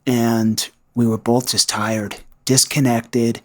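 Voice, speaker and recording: Podcast guest, male, mid-pitched, earnest and reflective testimony. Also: flat delivery, takes it slowly, darkish tone. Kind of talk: personal testimony.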